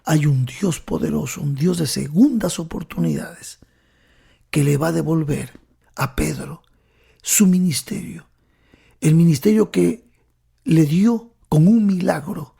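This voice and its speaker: Man, sermon, dramatic storytelling, frequent hushed whispers, very gravelly. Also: fairly high pitch, measured pace. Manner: addresses the listener directly. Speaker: preacher.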